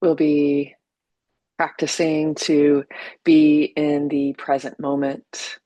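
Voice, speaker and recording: Short phrases separated by long pauses mark this gentle, unhurried guided meditation led by a woman teacher. Her tone is low and level, and the recording is dry.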